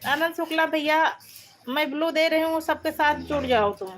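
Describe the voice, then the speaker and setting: Lady on a livestream, high voice, reads comments, keeps saying thanks, bit of background hiss. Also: steady tone, moderate pace, a bit bright. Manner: friendly, repeats greetings and thanks. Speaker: livestream host. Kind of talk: live stream chat reading comments.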